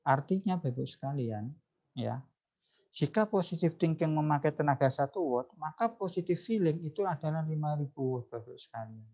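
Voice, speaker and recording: A man's voice: on the high side, lively intonation, a little fast. Man lecturing through a dull video call. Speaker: psychologist speaking at a webinar. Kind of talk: online seminar talk.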